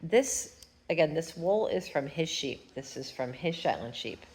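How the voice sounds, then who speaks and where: Showing her knitting at home, a fiber arts vlogger rambles chattily through a casual tutorial, humming to herself as she goes. Her voice sits low and a little mellow, expressive and unhurried, and her nose sounds stuffy.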